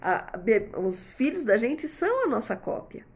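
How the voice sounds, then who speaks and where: A woman's voice: fairly high pitch, sing-song, normal speed, a little mellow. A woman in her fifties gives casual parenting advice to viewers, chatting with lots of "né?" tag questions and everyday examples. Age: 50s. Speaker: host answering viewer comments.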